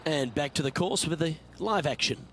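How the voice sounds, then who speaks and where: A man's voice: on the high side, animated, moderate pace, a bit bright, slight background noise. A man doing live golf commentary in brief reactive calls between shots.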